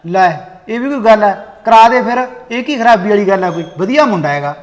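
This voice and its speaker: Fast, high-voiced Punjabi man. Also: lively intonation. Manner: impatient and commanding. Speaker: husband in a family skit. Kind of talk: Punjabi village family skit.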